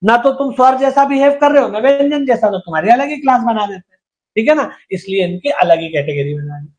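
A man's voice: very high voice, expressive, a little fast, a little mellow. A man teaching Hindi grammar in an exam-prep lecture, who asks and answers his own questions, repeats each point and sounds out syllables for students to copy.

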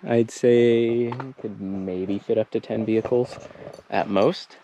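A man hosting a casual travel vlog at a desert campsite, talking in a relaxed, rambling way with many pauses and fillers into an action camera. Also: fairly low pitch, lo-fi sound, slight background noise. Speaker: vlogger and trip host. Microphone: action camera mic.

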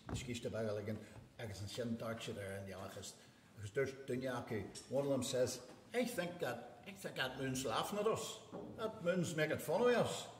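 A man's voice: medium pitch, darkish tone, slight background noise. Middle aged irish guy, lilting storyteller telling an old folk tale on stage, big echoey hall sound. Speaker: storyteller (seanchaí). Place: indoor theatre stage, seated. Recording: echoey hall with long reverb.

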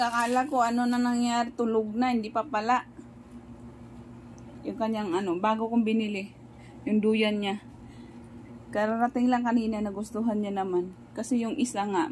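A woman's voice: on the high side, level tone, moderate pace, darkish tone, slight background noise. A young mother with a Visayan accent vlogging casually from her home kitchen, chatting to the camera and slipping into sing-song baby talk with her children.

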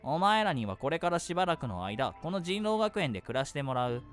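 A man's voice: fairly high pitch, sing-song, a little fast, faint music behind. A man reading as a stern wolf mascot. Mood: menacing. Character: stern male wolf mascot running a death game.

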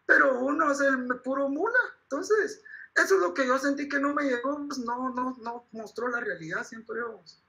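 A man's voice: very high voice, moderate pace, gravelly, bright, forceful tone, rough recording. A man with a Guatemalan accent, ranting in crude slang as an interviewee, full of profanity and rambling asides. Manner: rambling, profane, keeps saying "vos". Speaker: interviewee, actor of the film. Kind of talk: crude comedic slang-heavy rant.

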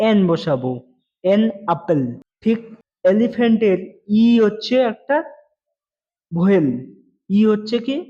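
A man's voice: high voice, mellow, highs cut off. A male English teacher explaining grammar to students, patiently repeating key words and asking them questions.

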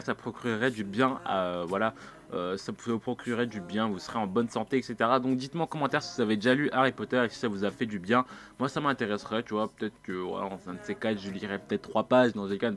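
A man's voice: mid-range voice, a bit bright. A young man, chatting casually to his viewers in a rambling, slangy way with plenty of fillers. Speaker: YouTuber. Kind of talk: casual vlog monologue.

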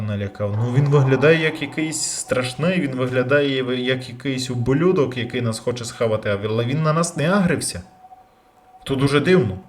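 A man commentating his own gameplay, bursting into loud curses and then dropping to quiet muttering. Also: mid-range voice, a little hiss or hum. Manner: loud outbursts and heavy swearing; jumpy, rapid switches between yelling and muttering. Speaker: let's play gamer.

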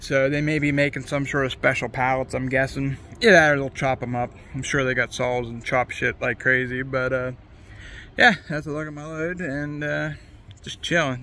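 Easygoing trucker man, bright voice. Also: medium pitch, fairly even intonation, normal speed. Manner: rambling, easygoing, plain-spoken. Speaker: truck driver vlogger. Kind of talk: casual vlog chat. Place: outdoors at a truck yard, then in a truck cab. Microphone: phone held at arm's length outdoors, headset mic in the cab.

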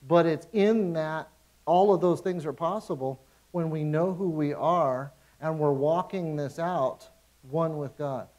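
A man's voice: fairly high pitch, unhurried, a little mellow, lo-fi sound. A man, a pastor, preaching a conversational sermon in a church, emphatic and informal, repeating his phrases.

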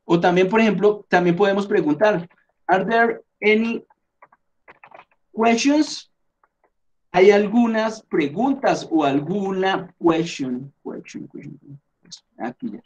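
A man's voice: high voice, measured pace, a little mellow, dull audio. A man teaching English in Spanish, explaining step by step, checking in often and correcting himself as he edits on screen. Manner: patient, step-by-step explaining with frequent check-ins; thinks aloud and corrects himself while editing on screen. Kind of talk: online lesson explained in Spanish.

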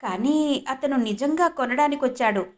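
A woman's voice: high voice, moderate pace, lightly acted. Lady reading as a kind young salesman, polite and earnest.

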